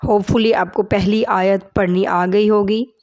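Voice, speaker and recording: A woman teaching a tajweed lesson, patiently correcting mistakes step by step and reciting in a slow, drawn-out chant. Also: mid-range voice, fairly even intonation, darkish tone. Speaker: Quran teacher.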